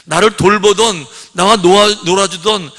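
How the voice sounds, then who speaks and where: A man's voice: high-pitched, fairly even intonation, moderate pace, a bit bright. A male pastor preaching a sermon in a conversational style, full of rhetorical questions and little acted-out scenes. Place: church sanctuary. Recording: long reverb of a church hall.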